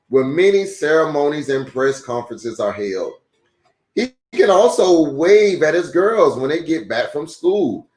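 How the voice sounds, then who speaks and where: In an echoey, roomy recording, a man reads a children's book aloud with a lively, moving pitch. His phrasing is deliberate and a little halting, and he drops in casual asides in an informal storytime style.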